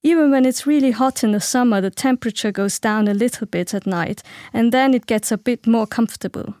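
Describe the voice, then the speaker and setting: A young woman from Sri Lanka reading a scripted first-person description of her family home for a listening lesson, calm and even. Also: fairly high pitch, fairly quick, dry recording, clean studio sound. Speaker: speaker in a listening exercise.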